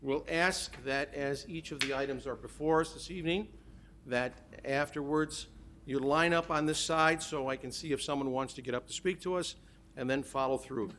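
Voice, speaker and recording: A man chairing a planning board meeting, reading procedural rules in a measured way. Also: mid-range voice, a bit bright, slight background noise.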